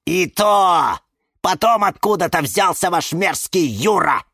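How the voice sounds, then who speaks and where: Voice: mid-range voice, lively intonation, takes it slowly, fairly bright tone, breathy edge, no echo, clean studio sound, voice pushed up, full character voice. A reader doing Gordenia, a sneering spiteful houseplant. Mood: resentful. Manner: snide, mocking, shifting between shrieks and hisses. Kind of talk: children's audiobook reading.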